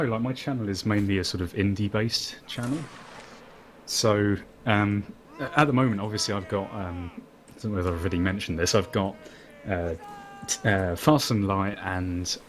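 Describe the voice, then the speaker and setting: A man's voice: on the low side, slight background noise. A young man guesting on a game stream, chatting casually, laughing often and joking sarcastically about himself. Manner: laughs often, self-deprecating, playfully sarcastic. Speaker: guest YouTuber. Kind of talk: casual gaming chat.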